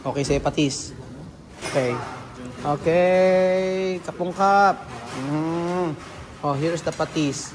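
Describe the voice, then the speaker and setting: A Filipino food vlogger speaks slowly and leaves long pauses, his voice at a fairly high pitch. He laughs frequently while sampling dishes at a restaurant over a shared meal, switching between Tagalog and English. The recording sounds like a large hall, with a little hiss or hum.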